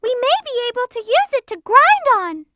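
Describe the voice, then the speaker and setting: A polite little girl rabbit from a video game, speaking in a very high voice with careful, well-mannered earnestness. She gives gentle tips and encouragement to her friends. A clear hiss sits under the game clips. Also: big pitch swings, normal speed. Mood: earnest.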